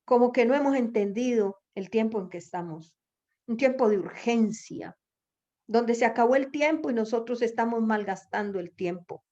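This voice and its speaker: A woman's voice: a little high, moderate pace, a little mellow. A woman preaching a sermon, exhorting her listeners with rhetorical questions and repeated phrases. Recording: dull lo-fi recording.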